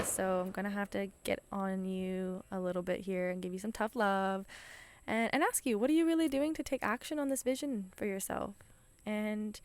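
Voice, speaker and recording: A woman's voice: medium pitch, no room sound. A woman hosting a podcast, giving an enthusiastic, encouraging motivational talk in a chatty way, often restarting her sentences. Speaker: podcast host.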